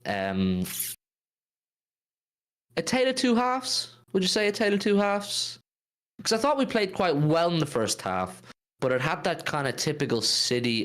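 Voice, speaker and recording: A man's voice: mid-range voice, fairly bright tone. A British man hosting a football fan live stream, chatting casually in a blokey, enthusiastic way and repeating phrases for emphasis.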